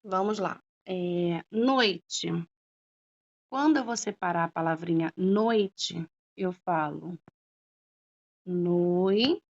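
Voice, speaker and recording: A woman teacher with a lowish voice takes it slowly through a grammar lesson, stretching out syllables and checking in often with her students. It's a patient classroom explanation captured on a dull lo-fi recording.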